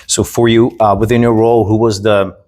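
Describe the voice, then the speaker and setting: Low-voiced man with hosting. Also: level tone, a little mellow. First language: Czech. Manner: friendly, halting, with fillers. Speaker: podcast host. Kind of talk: casual interview.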